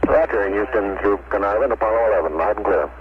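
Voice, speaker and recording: A man's voice: lowish voice, fast, slightly rough, narrow, tinny audio. A man serving as spacecraft crew, giving clipped procedural replies over a crackly military-style radio link. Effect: crackly military-style radio transmission.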